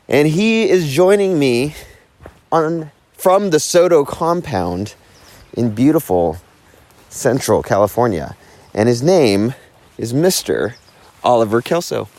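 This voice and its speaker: A man hosting his podcast, chatting casually and enthusiastically about his guest. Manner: enthusiastic, lively swings in pitch. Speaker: podcast host. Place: at a home property in California.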